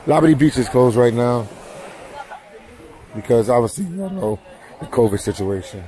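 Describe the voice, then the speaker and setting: Strolling outdoors on a crowded beach with a handheld camera, this American travel vlogger narrates and chats in a casual, slangy way, frequently saying things twice. He's very animated, with a mid-range, dark-toned voice at a moderate pace. The audio is poor, with a faint crowd chattering in the background.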